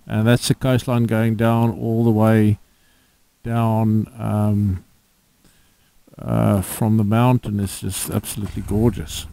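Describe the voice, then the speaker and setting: A man with a South African accent giving halting, filler-laden commentary while riding a motorbike along a coastal highway. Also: little pitch movement, creaky, mellow, low-quality recording. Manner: halting, many fillers and restarts. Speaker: touring cyclist vlogger. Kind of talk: casual travel commentary. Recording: road and engine noise.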